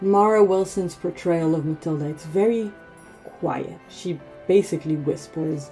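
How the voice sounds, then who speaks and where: Israeli woman vlogger, low mellow voice, chatty and rambling, faint music behind. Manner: chatty, rambling, many fillers and restarts. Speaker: film reviewer. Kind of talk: casual video review.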